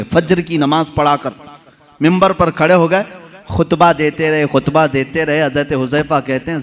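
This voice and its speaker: A middle-aged male preacher giving a sermon, swinging from loud poetic recitation to hushed storytelling. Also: fairly high pitch. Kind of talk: Urdu-Hindi religious sermon.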